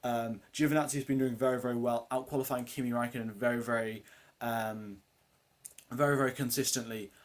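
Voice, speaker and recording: A teen boy with an unusually deep voice for his age hosts a casual live watchalong of a race, answering chat questions. He rambles a little fast in a steady tone, leaning on lots of ums and uhs.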